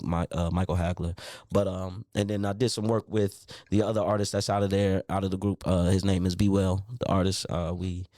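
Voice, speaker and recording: A man in his late thirties, an R&B singer, telling his story in a relaxed interview with lots of fillers and restarts. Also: low voice, no echo, clean studio sound. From Milwaukee, raised in Baltimore. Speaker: R&B singer, guest. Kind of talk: casual interview chat. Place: radio studio.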